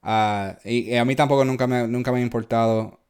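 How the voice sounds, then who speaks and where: A man's voice: medium pitch, steady tone, brisk, a little mellow, smooth. A man with a Puerto Rican Spanish accent, co-hosting a casual podcast chat in a laid-back, slangy way and dropping in English phrases. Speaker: podcast co-host.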